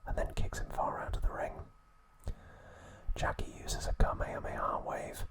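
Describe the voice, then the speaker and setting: In an ASMR video, the man hosting speaks only in a breathy whisper, gently narrating a recap. His pacing is measured, broken into short phrases.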